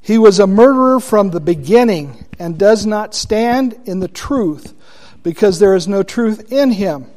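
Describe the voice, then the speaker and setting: A man teaching a Bible study class, deliberate and asking his listeners questions. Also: sits high, expressive, darkish tone.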